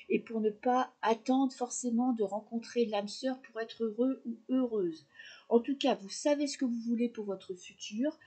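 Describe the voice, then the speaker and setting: A woman's voice: a little high, dark tone, slightly rough. A woman doing a casual tarot reading, talking straight to her viewers in a chatty way with frequent fillers. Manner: chatty, addresses viewers directly, many fillers. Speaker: tarot reader.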